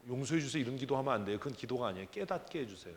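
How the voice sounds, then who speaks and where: In a church sanctuary, a pastor preaches at a prayer meeting, speaking conversationally yet emphatically and firing off plenty of rhetorical questions. His medium-pitched voice is animated and rapid-fire, echoing through a large hall.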